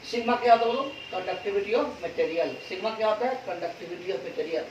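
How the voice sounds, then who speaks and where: A man teaching a physics class, repeating key terms slowly and quizzing students with call-and-response questions. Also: high-pitched, a little hiss or hum. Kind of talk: classroom lecture. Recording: echoey, distant, dull classroom recording.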